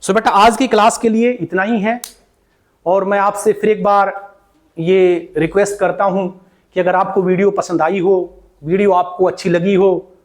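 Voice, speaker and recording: A man with a high, fairly flat voice and an Indian English accent teaches pronunciation in a mix of Hindi and English. He calls his viewers "beta" and speaks slowly, repeating each word several times for drilling.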